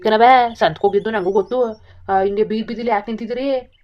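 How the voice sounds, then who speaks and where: Brief: a woman doing a plain-spoken village son, mid-pitched, cartoon, dull lo-fi recording. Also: steady tone, quick pace, lightly acted. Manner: blunt, questioning village talk. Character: grown village son, blunt and practical.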